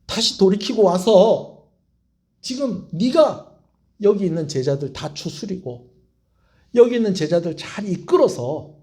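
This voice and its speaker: A pastor voicing tender, soft-spoken Jesus. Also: male voice, sits high, expressive, a little slow. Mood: gentle, tender. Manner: tender, intimate, speaking softly to one person. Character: Jesus, a gentle grown man comforting his disciple. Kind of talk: sermon with acted retelling.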